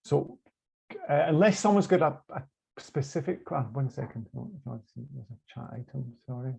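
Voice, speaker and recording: A man's voice: medium pitch, animated, moderate pace, vocal fry, mellow, breathy edge. A man with a Scottish accent giving an online lecture on law, hesitant, with many fillers and restarts, heard over a muffled video call.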